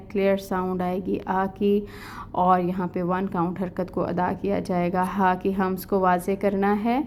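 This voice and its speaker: A woman's voice: mid-range voice, darkish tone, slight background noise. Woman explaining tajweed rules in Urdu. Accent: Pakistani Urdu. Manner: slow melodic recitation of verses, then plain explaining. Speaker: Quran tajweed teacher. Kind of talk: online recitation lesson.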